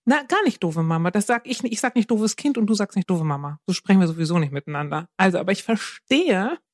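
A woman co-hosting a parenting podcast, calmly explaining with everyday examples and acting out what a parent might say. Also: mid-range voice, fast, no room sound, clean studio sound. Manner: calm, explains with examples, acts out quotes to a child. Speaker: podcast co-host giving parenting advice. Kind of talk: casual advice chat.

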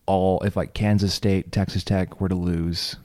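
A man co-hosting a sports podcast in relaxed, chatty talk, his voice a little strained from shouting at a game. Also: low-pitched, moderate pace, no echo, clean studio sound. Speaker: podcast co-host. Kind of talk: casual sports chat.

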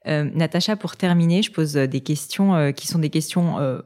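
A woman's voice: low-pitched, moderate pace, dark tone. A woman hosting a podcast interview, asking long questions with many fillers. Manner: hesitant, filler-heavy questions. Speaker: podcast host.

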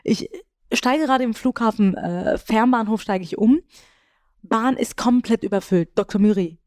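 A woman co-hosting a casual podcast, telling a lively anecdote and acting out the people in it. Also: a little high, moderate pace, no echo, studio quality. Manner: animated anecdote telling, acts out quoted voices. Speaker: podcast co-host. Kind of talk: casual podcast chat, storytelling.

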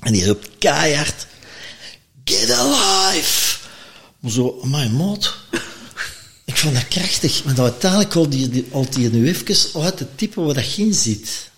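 A man from Antwerp with a Flemish accent, a podcast guest telling personal stories in lively conversation and acting out the voices he quotes. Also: mid-range voice, moderate pace, slight background noise. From Antwerp, Belgium.

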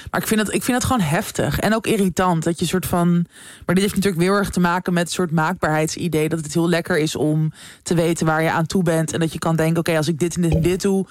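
A woman's voice: fairly low pitch, steady tone, quick pace, dry recording, studio quality. A woman co-hosting a podcast in casual chat, frank and reflective, swearing now and then. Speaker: podcast co-host.

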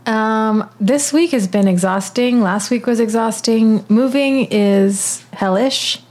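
A woman's voice: fairly high pitch, slow, a little mellow. Woman co-hosting a casual podcast. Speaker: podcast co-host. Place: new home room with bare walls.

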